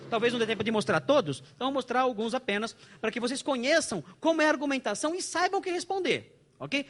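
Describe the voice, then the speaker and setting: A middle-aged Brazilian man preaches a conference sermon in a high voice. His pitch swings widely, and he keeps breaking into jokes and rhetorical questions. He speaks as a pastor addressing a church crowd. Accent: Brazilian Portuguese. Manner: animated and joking, with frequent rhetorical questions.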